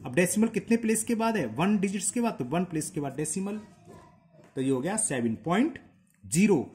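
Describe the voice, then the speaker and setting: A man teaches maths step by step, counting places aloud and checking that his students follow. His voice sits a little high and swings widely in pitch as he explains. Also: expressive, moderate pace, darkish tone. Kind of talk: solving textbook exercises aloud.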